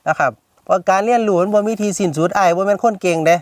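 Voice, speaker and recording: A man with an Isan accent, a farmer explaining his work in relaxed, lively chat. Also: high voice, very fast, no room sound. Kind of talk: casual explanation.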